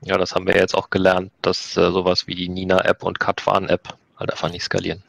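A man's voice: deep voice, monotone, brisk, vocal fry, fairly bright tone, no echo. A young man on a headset moderating an online conference Q&A, asking plain, brief questions.

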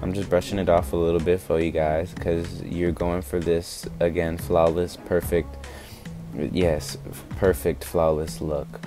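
A man's voice: low voice, flat delivery, unhurried. A man giving a playful mock makeup tutorial as a voice-over, repeating his phrases for comic effect. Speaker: guest voice-over commentator. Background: background music.

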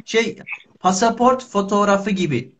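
A man's voice: sits high, unhurried, a bit bright. A man, hosting a casual live language lesson in simple, repeated short phrases. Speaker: Turkish teacher and live host. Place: small indoor room. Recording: dull lo-fi livestream audio.

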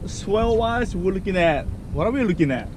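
A man hosting a fishing vlog from a small boat at sea, talking casually to a chest-mounted camera and reacting with excited exclamations. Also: sits high, moderate pace. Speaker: fishing vlogger host. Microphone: action camera on the chest. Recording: loud wind and boat noise outdoors.

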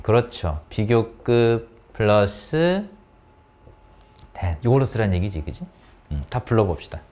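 Teaching English grammar at an academy, a man keeps questioning his students in English, calling on each by name with lively, coaxing prompts. His voice is on the low side, and he speaks a little slowly.

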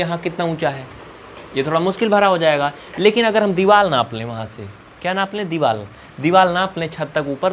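A man's voice: on the high side, a bit bright, a little hiss or hum. A male math teacher from India explaining coordinates at a whiteboard in a colloquial, coaxing way, asking questions and answering them himself.

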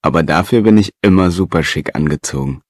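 A man acts out a carefree, spontaneous shopper. His voice is deep and chatty, delivering a scripted monologue in a dry recording. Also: fairly quick, a little mellow, dry recording. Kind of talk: scripted first-person monologue.

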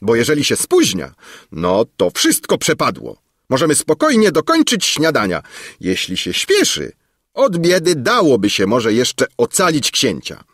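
A man's voice: medium pitch, wildly swooping pitch, a little slow, fairly bright tone, dry recording, clean studio sound, voice pushed up, heavily acted. A man voicing an impatient, greedy old king in a storybook reading, fussy and bossy. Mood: fretful.

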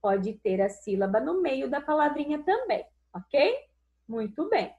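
A Brazilian woman teaching small children in a recorded lesson. Her high voice leaps up and down in a slow sing-song and stretches each syllable. The recording sounds dull and lo-fi. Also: sing-song, darkish tone. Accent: Brazilian Portuguese. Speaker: primary school teacher.

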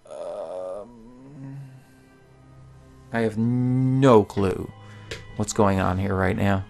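Slow, gravelly man reading game dialogue. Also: lowish voice, darkish tone, soft background music. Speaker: let's play host. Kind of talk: reading game text aloud with commentary.

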